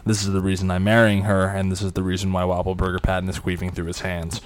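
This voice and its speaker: A man's voice: low-pitched, monotone, fast talker. A man hosting a casual podcast, joking crudely and rambling through thank-yous. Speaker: podcast host.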